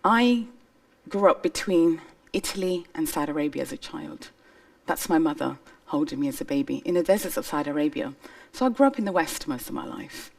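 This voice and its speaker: Woman speaker from Somalia, lowish voice, earnest stage testimony, a bit off-mic. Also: animated, a little fast, gravelly, darkish tone, distant mic. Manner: earnest, emphatic storytelling. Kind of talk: personal testimony talk. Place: stage before an audience.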